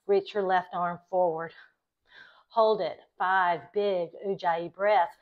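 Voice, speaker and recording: A woman yoga instructor leading a class in calm, encouraging, short step-by-step cues timed to the breath. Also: lowish voice, slow. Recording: dull, lo-fi sound.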